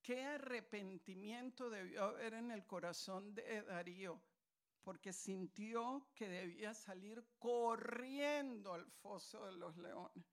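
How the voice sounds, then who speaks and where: A woman's voice: medium pitch, slow. A woman preaching a sermon in a conversational, storytelling way, with asides to her listeners.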